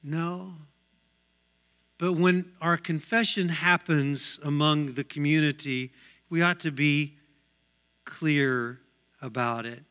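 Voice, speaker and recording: A man's voice: a little high, steady tone, slow, pauses often, a bit bright. A middle-aged man preaching a sermon as pastor, telling a personal story in a conversational way with many asides. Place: church sanctuary.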